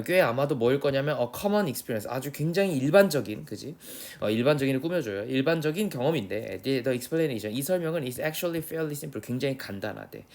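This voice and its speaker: A man's voice: mid-range voice, vocal fry, a little mellow. Casual Korean man teaching English. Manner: reads English lines slowly, then explains in quick casual speech with many tag questions. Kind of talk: exam prep lecture.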